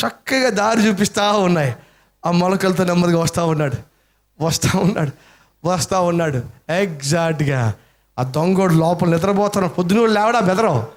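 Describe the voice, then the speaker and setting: A man delivering a sermon as a lively storyteller, his voice sitting a little high and swinging widely as he acts out the characters. He keeps pausing to throw questions back at his listeners, pulling them into the tale. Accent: Telugu-speaking Indian. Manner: dramatic storytelling, acting out voices, rhetorical questions to the congregation. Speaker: preacher.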